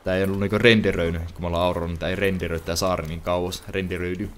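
A man's voice: low voice, slight background noise. A young man commenting casually as he plays a game, thinking aloud with lots of restarts. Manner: lively, rambling, thinks aloud with frequent restarts. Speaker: gaming channel host. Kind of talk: let's play commentary.

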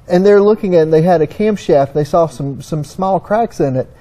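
Middle-aged Southern US man, folksy technical explainer; high-pitched, mellow tone. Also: fairly quick. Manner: folksy, storytelling. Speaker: engine consultant.

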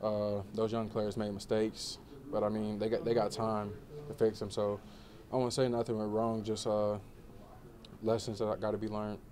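Young man, low voice, flat monotone delivery, relaxed filler-heavy postgame answers, indoor media room. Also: normal speed. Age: 20s. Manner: laid-back, many fillers, relaxed. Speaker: college football player. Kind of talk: postgame press interview.

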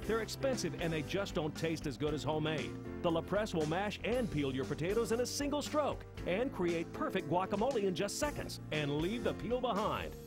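A man reading a scripted product voice-over with an enthusiastic selling delivery. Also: a little high. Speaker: infomercial narrator. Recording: music bed under voice. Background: music.

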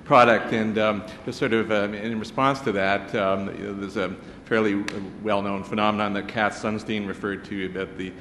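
Deep-voiced man with an academic question. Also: fairly even intonation, normal speed, hardly any pauses, fairly bright tone. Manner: academic, wordy, many fillers. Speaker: audience member asking a question. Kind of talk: audience question at a panel. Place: large lecture hall. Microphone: stand microphone. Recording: echoey hall with rumble.

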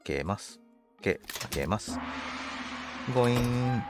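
A man's voice: medium pitch, lively intonation, measured pace, music in the background. A man commentating on a game for a livestream, politely musing aloud to himself in casual chat. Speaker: game streamer.

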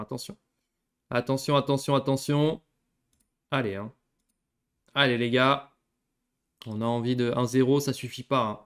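A young man giving casual gameplay commentary as a YouTuber, swinging from excited yelling to low, cursing mutters. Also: clear, resonant tone. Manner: swings between excited yelling and muttered grumbling, swears often. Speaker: gaming YouTuber.

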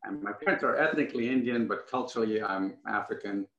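A man's voice: on the low side, fast, a bit bright. A middle-aged man born in Ghana, telling a long personal story as an interview guest on a video call, with many restarts and asides. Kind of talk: conversational storytelling. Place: home room with wooden furniture. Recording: echoey room, muffled sound.

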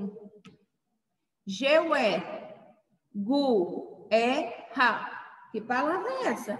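A woman's voice: sits high, bright, forceful tone. A woman teacher patiently explaining a spelling lesson to children, spelling out letters one by one. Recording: echoey room, mic far off.

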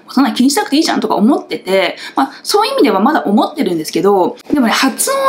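A woman's voice: mid-range voice, slight background noise. A woman who runs an English school, talking casually to camera about learning and acting out little reactions as she goes. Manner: animated, chatty, acts out small quoted reactions. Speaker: English school owner and teacher.

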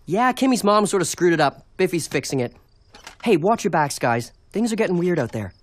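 A woman's voice: on the low side, very animated. A nervous teen boy. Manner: quick, nervous and sarcastic. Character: anxious teenage boy hero.

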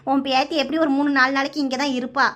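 A woman voicing a middle-aged mother who reassures in quick, chatty talk. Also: high voice, fairly bright tone. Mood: reassuring.

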